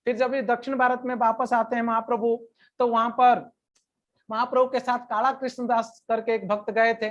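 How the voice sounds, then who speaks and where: A woman with a fairly high voice and little pitch movement retells a scripture story during a devotional lecture. She talks plainly, pausing at times to recite verses slowly, and the audio is muffled.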